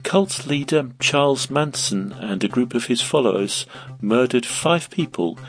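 A quiz host reads questions slowly and deliberately, with clear, measured delivery and lively rises and falls in pitch. Soft music runs beneath his voice the whole time.

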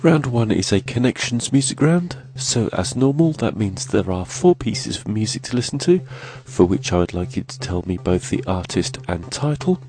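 A man's voice: lowish voice, sing-song, normal speed, few pauses, a little mellow. A man with a congested, nasal voice from a cold, hosting a quiz podcast in an orderly, scripted way. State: has a cold, sniffly.

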